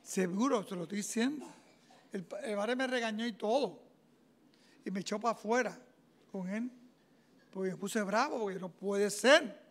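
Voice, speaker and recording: A man, preaching a homily as a deacon and telling his own story in an animated way, acting out the dialogue. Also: high voice, moderate pace, pauses often. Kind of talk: sermon with personal testimony.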